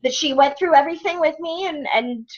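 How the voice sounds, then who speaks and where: A woman's voice: sits high, a little fast. A woman telling a long personal story in casual chat on a group video call, full of fillers and asides. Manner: rambling storytelling with many fillers. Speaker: program participant. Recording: dull lo-fi video call audio.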